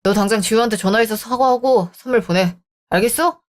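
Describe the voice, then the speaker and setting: A woman's voice: a little high, fairly quick, natural voice. A woman voicing a selfish young married man who talks in a dismissive, irritated way, in a dramatized story. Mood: scornful.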